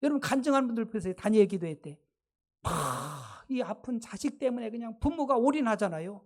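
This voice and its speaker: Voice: mid-range voice, animated, brisk. A pastor preaching a sermon with emphatic delivery, putting rhetorical questions to the congregation and calling out exclamations.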